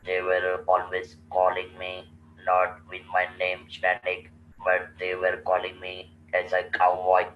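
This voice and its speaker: An Indian man in his sixties, appearing as a guest, tells his own story slowly and deliberately. His voice is low, flat, and monotone, and he halts and restarts as he goes. The recording sounds roomy, distant, and muffled, with faint noise.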